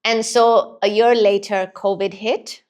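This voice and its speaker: A woman from Pakistan, a podcast guest, telling her story in a lively way and laughing often. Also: mid-range voice, a little slow. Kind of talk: casual interview chat.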